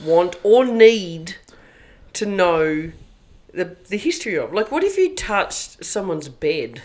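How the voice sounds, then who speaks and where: A woman's voice: on the low side, very animated, slow, a little mellow. Chatty Australian woman co-hosting a podcast. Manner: chatty, laughs often, swears casually. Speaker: podcast co-host. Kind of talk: casual chat.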